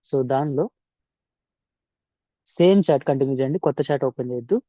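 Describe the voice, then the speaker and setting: A Telugu man talks through an informal tutorial, blending Telugu and English as he goes. His voice is soft-edged and mellow. The recording is dull and lo-fi, as a voice-over made indoors. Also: mid-range voice, a little fast, no room sound. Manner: mixes Telugu and English mid-sentence. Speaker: tutorial instructor. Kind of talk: informal software tutorial narration.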